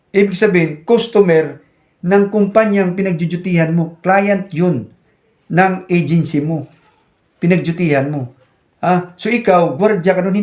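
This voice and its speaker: A man's voice: high-pitched, darkish tone. A Filipino man who runs a channel, explaining security guard rules to viewers in a casual, conversational way. He keeps talking to viewers as guys, and he acts out short scenes as he goes. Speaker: YouTube channel host, security guard trainer.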